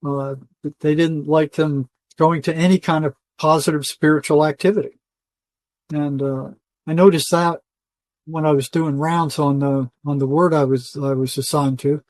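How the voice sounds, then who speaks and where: With a fairly high, steady and slightly mellow voice at normal speed, a retired psychotherapist speaks as an older interview guest, with no room sound. His storytelling is colloquial and emphatic, and he frequently acts out imagined dialogue.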